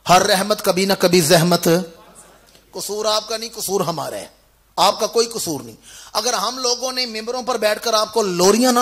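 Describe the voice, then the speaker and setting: High-voiced preacher quizzing his crowd. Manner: orator who quizzes the crowd and answers himself; swings between loud chanting and quiet explaining. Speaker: Islamic preacher. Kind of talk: Urdu sermon. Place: gathering in a village.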